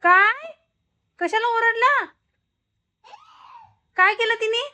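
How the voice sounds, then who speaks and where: A woman's voice: very high voice, takes it slowly, bright, forceful tone, raised voice. A mother chatting casually at home in her kitchen for a vlog, coaxing and playing with her toddler in a playful sing-song way.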